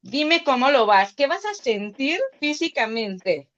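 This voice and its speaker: A woman's voice: sits high, lively intonation, slow, a bit bright. A woman, a psychologist, explaining grief in an interview and often checking in with her listener. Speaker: psychologist guest. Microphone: video call. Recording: muffled lo-fi call audio.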